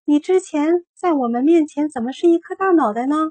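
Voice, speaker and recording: Woman playing an earnest young girl, high, eager, husky edge, storybook voice. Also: expressive, normal speed, darkish tone. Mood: puzzled.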